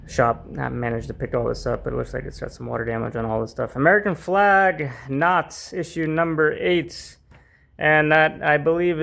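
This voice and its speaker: A man's voice: medium pitch, vocal fry, a bit bright. A man hosting a comic book channel, chatting casually and rambling through fillers and restarts, a little worn out and strained from the heat. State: hot and tiring, voice strained. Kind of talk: casual unboxing chat.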